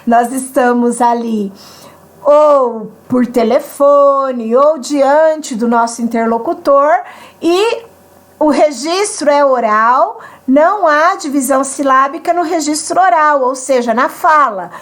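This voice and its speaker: Slow, high-voiced woman teaching. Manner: patient, explanatory, checks in with "tá?" and "né?". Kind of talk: online grammar lesson.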